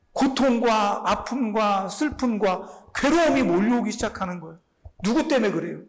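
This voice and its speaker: A middle-aged male pastor giving a conversational sermon, acting out prayers and quotes with feeling. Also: extremely high pitch.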